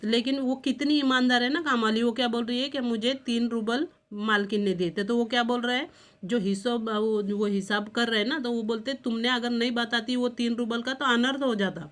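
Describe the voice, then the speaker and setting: A woman's voice: a little high, steady tone, normal speed. A woman teacher explaining a textbook story to students in an informal, repetitive way. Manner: informal, repeats and restarts while explaining. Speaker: Hindi teacher.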